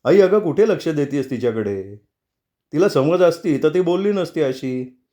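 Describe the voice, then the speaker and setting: A man's voice: fairly high pitch, expressive, moderate pace, warm tone, close to an everyday voice. A man voicing an angry adult son who snaps at his wife in a storybook reading. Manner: heated, raised voice.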